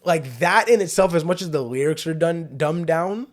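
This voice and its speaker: The speaker is a young man hosting a podcast, his fairly high voice animated but moving at a moderate pace. It's a relaxed, casual chat packed with fillers and slang.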